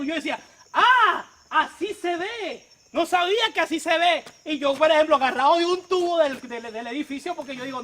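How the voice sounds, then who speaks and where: A male evangelist preaching a testimony sermon, telling his story fervently and swelling loud on calls of praise. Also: very high-pitched.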